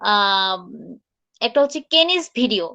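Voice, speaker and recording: A woman teaching English pronunciation in a live online class, chatting casually and repeating words slowly for students to copy. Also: mid-range voice, expressive, sharp tone, lo-fi sound.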